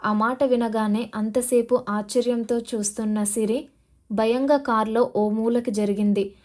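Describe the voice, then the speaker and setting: Field: mellow woman storyteller. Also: on the high side, steady tone, unhurried. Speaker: narrator. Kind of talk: scripted narration of an audio novel.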